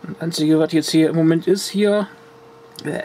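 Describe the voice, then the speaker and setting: In a relaxed show-and-tell video, the hobbyist displays a corroded card from his workbench, meandering with false starts and filler words. The voice is high-ish, fairly even and warm at a moderate pace, with a little hiss or hum.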